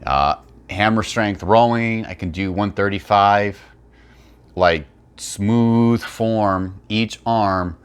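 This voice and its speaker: A man's voice: on the low side, takes it slowly, clear, resonant tone. A man giving blunt, opinionated, unscripted commentary and explanations as a fitness video creator.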